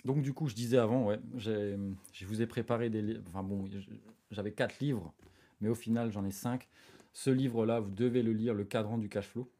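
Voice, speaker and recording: A man's voice: fairly low pitch, moderate pace. A man hosting his own live stream, talking casually and directly to viewers with lots of hesitations and restarts. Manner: relaxed, chatty, talks straight to viewers.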